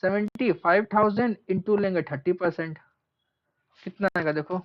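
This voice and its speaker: A commerce teacher lecturing a class, asking questions and answering them himself, repeating key terms and drawing them out slowly as he writes. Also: sits high. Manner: stretches out terms slowly while writing. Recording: dull lo-fi recording.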